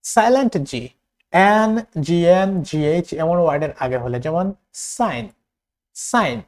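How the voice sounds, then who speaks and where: A man with a Bangladeshi accent teaching a spoken English lesson, repeating words slowly for learners to copy. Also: fairly high pitch, sing-song, darkish tone.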